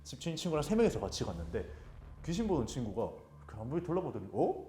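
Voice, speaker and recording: A man of middle pitch tells a ghost story in a casual chat and swings his voice up and down with lively expression. He acts out the people in the tale as he goes. The room has a noticeable echo and a faint hiss. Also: racing. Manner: animated, acts out his friends' lines and his own shouting. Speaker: guest storyteller.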